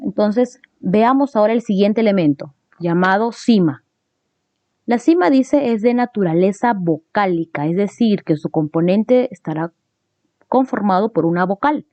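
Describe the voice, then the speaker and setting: A woman teacher walks through a grammar lesson at an unhurried pace, checking in with listeners after each point. Her voice is soft and mellow, recorded close and dry on slightly dull, lo-fi audio. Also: medium pitch, lively intonation, dry recording. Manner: explains step by step, checks in with frequent tag questions.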